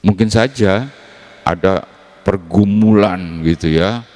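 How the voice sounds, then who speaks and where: A man's voice: low-pitched, slow, a little mellow. A man preaching a casual sermon in church, retelling a gospel story in a chatty way and acting out the dialogue. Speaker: pastor.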